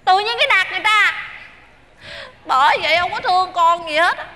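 An actress playing a pleading young country sweetheart with a Southern Vietnamese accent, coaxing and chatty. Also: female voice, very high voice, lively intonation, fairly quick, sharp tone, slight background noise, heavily acted.

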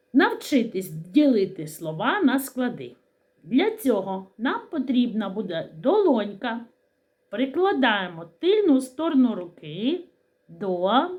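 Woman teacher doing a kids' lesson, slow and careful, sounds out syllables, quizzes herself out loud, lively up-and-down voice. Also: fairly high pitch. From Ukraine. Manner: asks questions and answers them herself. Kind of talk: children's literacy lesson.

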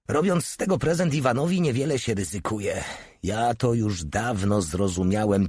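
A man's voice: lowish voice, darkish tone, slightly rough, dry recording. A man voicing a cynical, wisecracking male soldier who mocks and scoffs offhandedly. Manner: mocking, offhand.

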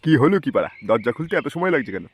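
Guy doing a cranky old father-in-law in a cartoon, curses nonstop, talks fast. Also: medium pitch, big pitch swings, husky, dry recording. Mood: grumpy. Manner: cursing, grumbling, complaining. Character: crude old male father-in-law, grumpy and foul-mouthed.

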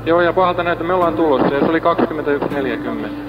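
A man answering a distress call over marine radio, calm and businesslike. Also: on the high side, racing. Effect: marine radio transmission. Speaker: radio operator of a rescuing ship. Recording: muffled archival marine radio recording.

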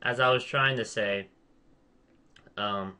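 A man's voice: fairly low pitch, slow pace, bright, forceful tone. Rambling young man chatting over a game. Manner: rambling, restarts sentences, self-deprecating. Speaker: channel host. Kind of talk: casual gaming chat.

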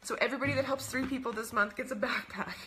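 A young woman hosting a casual coaching webinar, bubbly and rambling, gushing with enthusiasm and acting out little dialogues in a higher voice. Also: steady tone, fast, pushed and bright, slight background noise. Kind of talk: casual webinar talk to camera.

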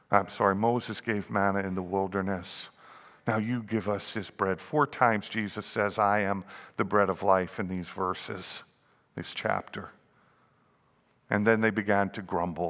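A man's voice: lowish voice, a bit bright, long reverb tail. A man in his sixties, a pastor preaching a sermon, rising and dropping in volume and acting out the grumbling crowd. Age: 60s. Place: church sanctuary.

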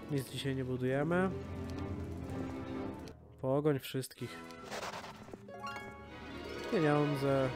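Relaxed male gamer with game music. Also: medium pitch. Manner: relaxed, musing aloud, wry asides. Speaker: let's play gamer. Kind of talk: casual gameplay commentary.

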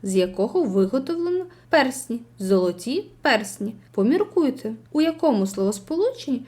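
A woman reading a school literature textbook aloud, clear and deliberate, slowing into a sing-song lilt for the verse she quotes. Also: on the high side, big pitch swings, darkish tone. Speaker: textbook reader.

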